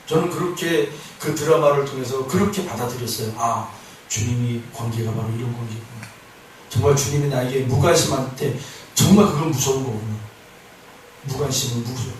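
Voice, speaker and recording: A man pastor preaching a sermon, swinging between loud impassioned passages and soft quiet asides. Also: mid-range voice, a little hiss or hum. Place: church sanctuary. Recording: echoey church from far off.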